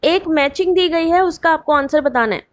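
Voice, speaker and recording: A woman teaching an exam revision lesson online, reading out full forms slowly with quick chatty asides to her students and a dry throat. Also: sits high, muffled recording.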